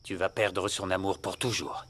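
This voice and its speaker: A man's voice: low voice, steady tone, moderate pace, fairly bright tone, breathy edge. A man in a dubbed telenovela, speaking in an earnest, reproachful way. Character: grave middle-aged man, reproachful husband.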